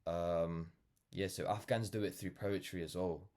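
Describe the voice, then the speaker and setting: Low and a little mellow, the voice holds a steady tone at a moderate pace. It belongs to a nineteen-year-old Londoner, a vlogger who founded a brand, chatting reflectively to camera in an earnest, rambling way full of "like" and "you know."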